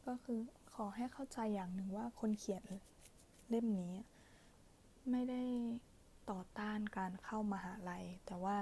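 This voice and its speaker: A woman reading aloud and explaining in soft ASMR pillow talk, often slipping toward a whisper. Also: mid-range voice, unhurried, a little hiss or hum. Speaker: bedtime reader, translator of a book.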